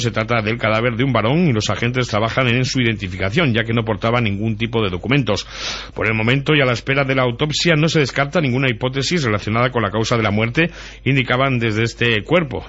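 A man's voice: lowish voice, fairly bright tone. A man presenting news and weather on local radio in a conversational way. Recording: dull lo-fi radio audio.

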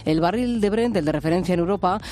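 High-voiced male news reader. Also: fast, slight background noise. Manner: steady, even news-read delivery. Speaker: news reporter. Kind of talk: scripted news reading.

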